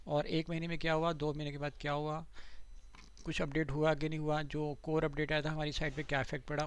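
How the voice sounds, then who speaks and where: Man teaching, gravelly voice. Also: fairly high pitch. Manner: conversational, repeats "theek hai" to check students follow. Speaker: digital marketing trainer. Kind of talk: live online class teaching.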